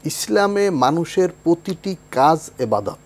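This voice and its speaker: A man's voice: on the high side, sing-song, a little slow. A man from Bangladesh, a guest scholar, explaining religious ideas in a thoughtful way and reciting Arabic phrases.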